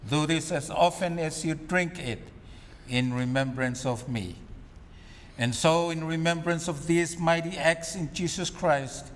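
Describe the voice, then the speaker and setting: Echoing, higher-voiced man leading church liturgy. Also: slight background noise. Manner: solemn, formal, phrase by phrase. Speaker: minister leading communion. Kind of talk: liturgical recitation. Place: large reverberant church. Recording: long cathedral-like echo, reverberant hall.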